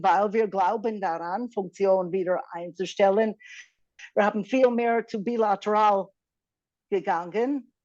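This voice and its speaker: A woman therapist in a casual journal-club discussion, mixing English words into halting German. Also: mid-range voice, a little mellow, dry recording, lo-fi sound.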